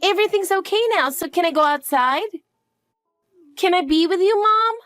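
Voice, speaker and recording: Played by a woman, a nervous young schoolgirl clings to every word, her voice pitched high and bouncing with anxious questions. She is eager to please and quick to plead. The sound is close and dry. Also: lively intonation, a bit bright, no echo, faint music behind. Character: anxious clingy little schoolgirl, elementary age. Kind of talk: one-voice audio drama.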